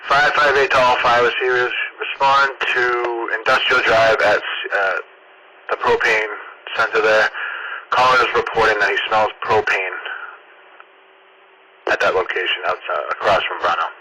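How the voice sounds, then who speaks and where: A man's voice: lowish voice, steady tone, moderate pace. A man handling emergency radio traffic over a two-way radio in a procedural manner. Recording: noisy scanner radio with clicks.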